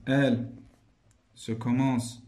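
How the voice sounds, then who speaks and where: A man's voice: mid-range voice, level tone, drawn-out words, darkish tone. A man teaching a primary school French grammar lesson with a Moroccan accent. He explains each point in French, then repeats it in Moroccan Arabic.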